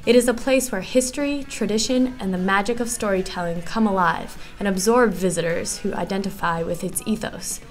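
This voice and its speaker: A woman's voice: mid-range voice, brisk, hardly any pauses, soft background music. Young woman reading an earnest essay. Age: young adult. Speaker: student narrator. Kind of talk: read essay narration.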